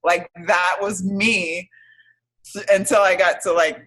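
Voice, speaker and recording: A woman in her thirties, a podcast guest telling her own story in a hesitant, reflective way with many pauses and fillers. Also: on the low side, fairly even intonation, a bit bright, rough recording. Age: 30s. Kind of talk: casual interview storytelling.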